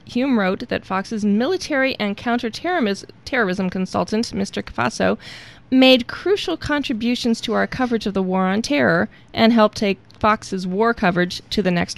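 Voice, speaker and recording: A woman's voice: mid-range voice, gravelly. A woman co-hosting a talk show who reads a scripted comedy segment and often laughs. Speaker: co-host.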